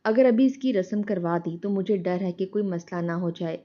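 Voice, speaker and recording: A woman's voice: on the low side, dark tone, muffled recording, lightly acted. A woman voicing a worried village mother who frets and pleads. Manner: pleading, fretful.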